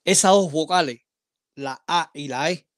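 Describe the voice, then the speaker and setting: Un hombre de voz algo aguda que debate por videollamada, en una grabación seca y sin eco. Plantea sus preguntas con calma y titubea con muletillas. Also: male voice, a little high, dry recording. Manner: questioning, measured, with hesitant fillers. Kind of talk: religious debate.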